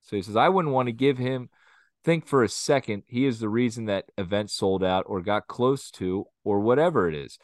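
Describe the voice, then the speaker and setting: On a casual wrestling podcast, a male co-host with a lowish voice rambles through blunt, opinionated takes that sometimes turn crude. He talks at a moderate pace, and the studio-quality recording has no echo.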